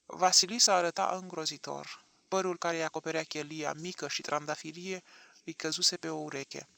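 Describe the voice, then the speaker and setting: A man narrating an audiobook with an expressive, dramatic reading. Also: on the high side, creaky, dry recording.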